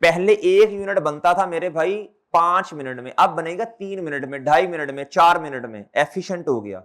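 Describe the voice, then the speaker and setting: A man's voice: fairly high pitch, moderate pace, a bit bright. A man teaching an accountancy class, often repeating his questions back to the students and calling them brother and children. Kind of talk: classroom lecture.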